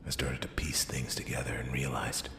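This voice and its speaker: A man voicing a world-weary noir detective in a whispered role-play, brooding and halting, with dramatic pauses and a gravelly, breathy voice. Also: a bass voice, little pitch movement, roomy sound, background noise. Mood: dawning realization. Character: world-weary male noir detective piecing together a murder.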